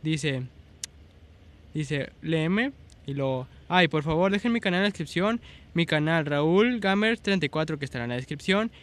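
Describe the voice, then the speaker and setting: Young guy gaming, highish bright voice, chatty, keeps going "how do you say". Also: expressive, normal speed. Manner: chatty, fumbles for words. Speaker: gaming channel host. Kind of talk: casual gameplay commentary.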